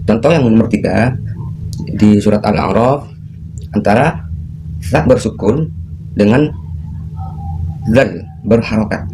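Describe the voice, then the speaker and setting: A man teaching Quran recitation rules, slowly repeating each example in a drawn-out chanting voice and often clearing his throat. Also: on the low side, noisy background. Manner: addresses listeners as ladies, gentlemen and younger ones. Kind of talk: tajweed lesson.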